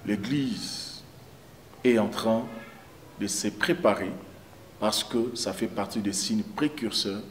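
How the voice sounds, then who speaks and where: A man's voice: fairly low pitch, slow, long pauses, a little hiss or hum. A middle-aged man, giving a pastoral exhortation as a preacher. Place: indoor room, speaking to camera.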